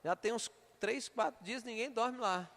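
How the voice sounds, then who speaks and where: A man's voice: very high voice, measured pace, fairly bright tone. A male pastor with a Minas Gerais Brazilian accent preaching a sermon, telling a story vividly and then exhorting the congregation with urgency. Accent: Brazilian Portuguese, Minas Gerais. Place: church hall. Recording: long reverb of a church hall.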